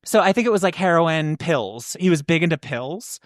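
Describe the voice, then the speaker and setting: A woman's voice: deep voice, lively intonation, moderate pace, no room sound, clean studio sound. A woman co-hosting a podcast, chatting casually and gossiping, with lots of "like" fillers. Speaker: podcast co-host. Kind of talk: casual chat.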